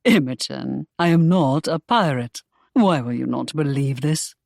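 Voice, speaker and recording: A protective young nobleman in a romance audiobook, voiced by a woman narrator, pitched well below her own voice. He talks low and tender with a teasing edge. The recording is close and dry. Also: a little slow, creaky, a little mellow, no echo, full character voice.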